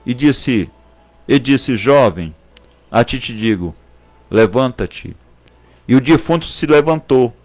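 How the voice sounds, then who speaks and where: A man's voice: mid-range voice, darkish tone. A man preaching a sermon in a Brazilian Portuguese accent, repeating phrases for emphasis and at times speaking in tongues. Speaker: pastor.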